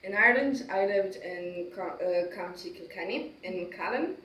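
A young woman from Poland, a student, talking relaxed and chatty as an interview guest. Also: medium pitch, normal speed. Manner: relaxed, talkative, light laughs. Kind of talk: casual interview chat. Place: room with a table and flowers. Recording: roomy, distant room sound.

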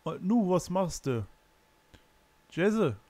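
A man's voice: sits high, big pitch swings, extremely slow, warm tone. A man giving casual gameplay commentary as a Let's Play host, muttering, cursing and stumbling as he reads in-game signs.

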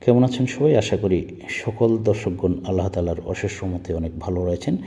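A man's voice: deep voice, a little fast, warm tone, long reverb tail. A man teaching spoken phrases step by step, patiently repeating each phrase and explaining word meanings. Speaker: language teacher. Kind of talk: spoken language tutorial.

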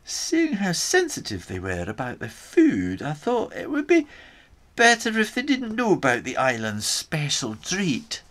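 A crafty, chatty Scottish islander spins his yarn in a put-on Scottish accent, as a man puts him on. His storybook voice swoops high and low with plenty of sly relish. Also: unhurried, exaggerated voice. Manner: lively, sly first-person storytelling. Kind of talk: storytime reading in character.

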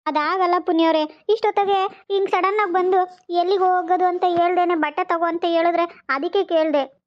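A young wife with a high, narrow-ranged voice, played by a woman, protesting in a plaintive, melodramatic way. The sound is a bit dull and lo-fi. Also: steady tone, fairly quick. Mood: puzzled. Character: young wife, meek yet pointedly dramatic. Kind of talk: amateur family skit.

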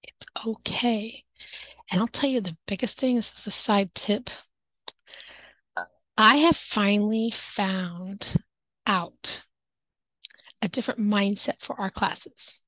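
A woman's voice: medium pitch, slow pace, long pauses, fairly bright tone. A chatty woman who teaches English online, speaking casually to camera in a mid-range voice. She acts out little classroom exchanges and slips into whispered asides now and then. The sound is dry and close, with no room echo. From native English speaker.

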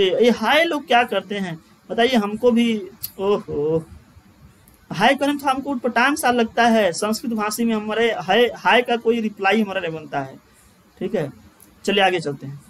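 Male online tutor, high-pitched, joking asides to viewers, stretches vowels when chanting. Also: a bit bright, slight background noise. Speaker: teacher. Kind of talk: live online Sanskrit grammar class.

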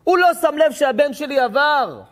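A rabbi delivering a sermon, telling stories with passion, acting out dialogue and rising to shouts at times. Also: male voice, very high-pitched, lively intonation.

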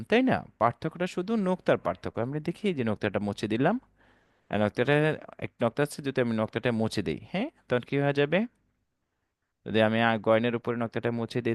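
A man teaching an online Quran lesson, slowly drawing out Arabic letter sounds and asking his class questions. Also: mid-range voice, dry recording, clean studio sound. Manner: drawn-out, stressed letter sounds for learners to copy; patient, repeats and asks questions to the class.

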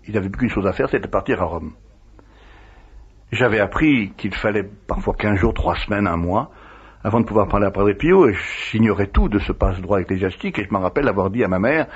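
A man's voice: on the low side, husky. A priest recounting old memories in an interview, acting out the dialogue as he tells it. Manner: lively retelling, acting out quoted dialogue. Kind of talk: interview storytelling. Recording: dull lo-fi radio recording.

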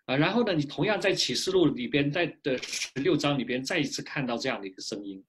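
A male pastor preaching a sermon in a lively, animated way, pausing often for an interpreter, speaking from a small home office into a webcam. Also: fairly high pitch, background noise. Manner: lively preaching with frequent filler particles.

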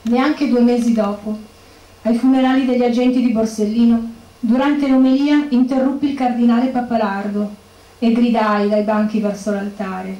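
A woman's voice: a little high, level tone, moderate pace, mellow, lightly acted. An actress playing the grieving widow of a murdered policeman, bitter and accusing, in a stage monologue. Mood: indignant. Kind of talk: theatrical monologue. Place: bookshop stage. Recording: echoey room.

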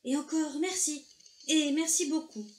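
Woman reading a kids story aloud, slow and gentle, roomy echo, bit of background hiss. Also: high voice. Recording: echoey room, faint noise.

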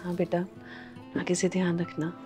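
An actress playing a gentle, patient older mother-in-law in a family short film, speaking softly and meekly. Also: fairly low pitch, monotone, moderate pace, over music, close to an everyday voice. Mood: gently lecturing. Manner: soft-spoken, meek, turns lecturing when moved.

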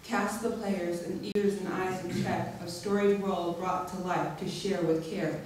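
A woman's voice: on the low side, fairly even intonation, darkish tone. Woman reciting poetry in an echoey room. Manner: measured, rhythmic recitation. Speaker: open mic poet. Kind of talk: reciting a rhyming poem from a page. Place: small lounge venue stage, indoors. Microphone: stand mic, filmed by a far camera. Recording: echoey room, distant mic, background noise.

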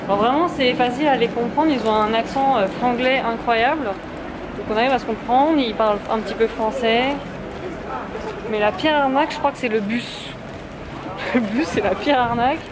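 A French woman in her twenties, voice on the high side and moderately paced, vlogs casually through streets and a supermarket, joking and laughing often. She holds the camera low at arm's length, indoors and out, and street and shop noise fills the background.

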